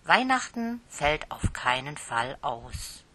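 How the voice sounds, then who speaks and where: Storybook aunt, firm and emphatic, bright and breathy, read by a woman. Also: deep voice, big pitch swings, slow pace, heavily acted. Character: brisk, firm adult aunt.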